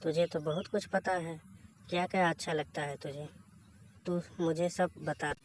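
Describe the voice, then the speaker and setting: A man's voice: a little high, fairly even intonation, unhurried, a little hiss or hum, close to an everyday voice. A man voicing a bold, teasing young married woman in a read-aloud story, with a bossy manner.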